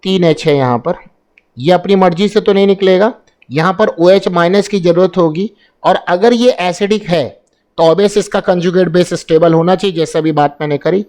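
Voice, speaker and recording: A man's voice: high voice, normal speed, darkish tone. A man teaching an exam-prep chemistry lesson. He asks himself questions and answers them, repeating the key terms as he goes.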